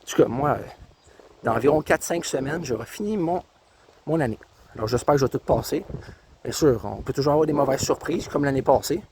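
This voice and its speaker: A man's voice: medium pitch, a little fast, background noise. Young Québécois guy vlogging on a walk, chatty and rambling, mid-range voice, tablet mic, faint outdoor ambience behind. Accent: Québécois French. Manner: rambling, chatty, self-mocking. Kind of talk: casual walking vlog. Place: outdoors, countryside trail by a river and road. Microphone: handheld tablet camera. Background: faint outdoor ambience, birds and passing cars.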